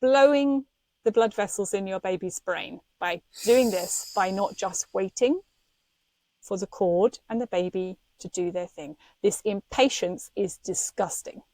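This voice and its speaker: A woman's voice: medium pitch, unhurried, darkish tone, no echo. A woman co-hosting a podcast, talking passionately and indignantly, with frequent laughs. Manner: impassioned, indignant, laughs often. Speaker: podcast co-host.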